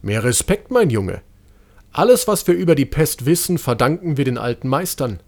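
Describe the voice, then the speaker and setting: A man voicing an old court physician, excited and fussy, in a storybook reading. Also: mid-range voice, moderate pace, creaky, pitched above the performer's own voice.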